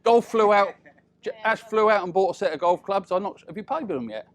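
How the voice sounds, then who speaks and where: Over crowd noise, a middle-aged British man speaks as father of the bride in a casual, humorous wedding address. He chats and teases, pausing deliberately and using tag questions, in a high voice.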